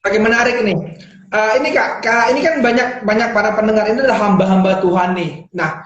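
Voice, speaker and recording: A woman's voice: medium pitch, quick pace, reverberant, lo-fi sound. A woman hosting a casual chat, asking long, rambling questions. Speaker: host.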